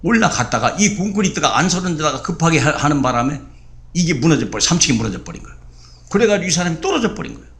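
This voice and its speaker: Middle-aged male pastor, storytelling sermon, gravelly tone, big animated swings. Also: fast. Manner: animated, acts out quotes with sudden high bursts.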